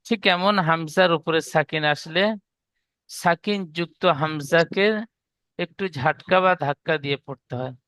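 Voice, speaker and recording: Male Quran reading tutor with a Bengali accent. Bright, crisp voice, dry close sound. Patient, step-by-step drills. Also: a little high, normal speed, no echo. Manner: explains step by step, has students repeat the rules aloud. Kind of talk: slow recitation lesson with repetition.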